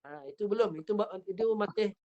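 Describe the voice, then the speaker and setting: A woman with a Malaysian accent teaching Quran recitation over a video call. She demonstrates each sound slowly and repeats it patiently. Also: mid-range voice, dark tone, muffled recording. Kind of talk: online tajwid lesson.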